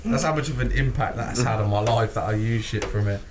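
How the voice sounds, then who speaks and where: A brisk, fairly low-pitched British male co-host swears freely, laughs often and acts out quotes on a casual podcast, all with animated energy. The recording is very noisy.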